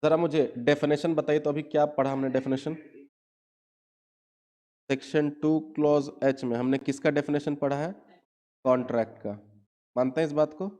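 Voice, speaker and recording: Higher-voiced male lecturer teaching law. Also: fairly even intonation, mellow. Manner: asks students constant check questions; reads legal definitions slowly word by word.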